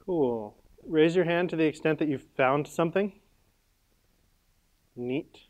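A man's voice: a little high, a little slow, a little mellow. A man leading a conference workshop in a casual, upbeat way, full of "like" fillers as he gives the audience instructions. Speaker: workshop leader.

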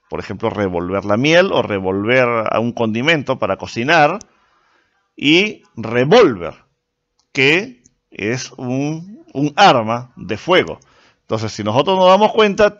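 A man's voice: mid-range voice, a bit bright. Guy explaining a lesson, patient, voice goes up and down a lot, muffled lo-fi audio. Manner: patient, explanatory, with frequent filler pauses. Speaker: teacher. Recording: dull lo-fi recording.

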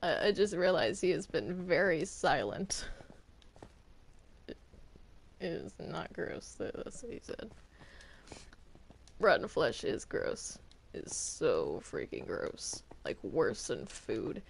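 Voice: mid-range voice, big pitch swings, takes it slowly, vocal fry, pauses often, exaggerated voice. A performer voicing Bendy's hesitant, put-upon cartoon ink demon in an improvised game roleplay, stammering and complaining. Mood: nervous grumbling.

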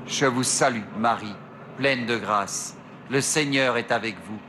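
A middle-aged male priest leading the rosary at an outdoor grotto shrine, reciting prayers slowly into a lectern mic. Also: mid-range voice, background noise. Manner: slow measured prayer recitation. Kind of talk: slow recited prayer and meditation. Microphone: stand mic at a lectern.

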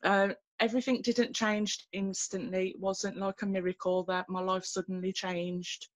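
A woman, sharing her faith story on a video call from home, earnest and halting with many fillers and restarts. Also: mid-range voice, little pitch movement. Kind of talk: personal testimony in a video call. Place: small room at home, indoors. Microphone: laptop webcam on a video call.

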